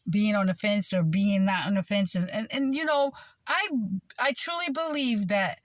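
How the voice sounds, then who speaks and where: A woman's voice: mid-range voice, normal speed, no echo. A woman delivering a rambling religious monologue, meandering with frequent fillers and repeated words. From United States. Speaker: self-styled preacher.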